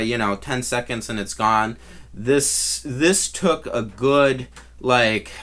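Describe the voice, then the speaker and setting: Male vlogger, mid-pitched, casual and unscripted storyteller with a halting, meandering delivery. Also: a bit bright. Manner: rambling and halting, with trailing restarts. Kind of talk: casual first-person storytelling.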